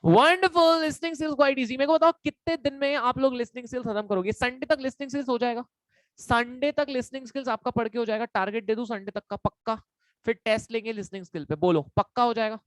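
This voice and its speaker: A man's voice: extremely high pitch, brisk, no echo. A man teaching an online exam-prep class as a quiz, playful and teasing, repeating each point and mixing in English. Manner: mixes Hindi and English. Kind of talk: live online lecture quiz.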